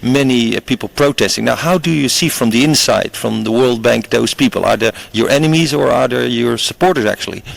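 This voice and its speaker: Heavily creaky man with a Dutch accent. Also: mid-range voice, a little fast, hardly any pauses, dry recording. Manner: searching questions, hesitant fillers, restarts. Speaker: interviewer. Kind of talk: TV interview questions. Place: conference venue.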